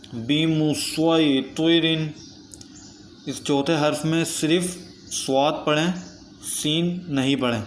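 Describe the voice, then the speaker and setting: A man gives a methodical recitation lesson, his speech flat and level as he restates each rule with patience. His voice sounds roomy and echoey, and a faint hiss sits behind it. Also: mid-range voice. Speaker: Quran recitation teacher. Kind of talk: step-by-step tajweed lesson. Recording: echoey room with faint background noise.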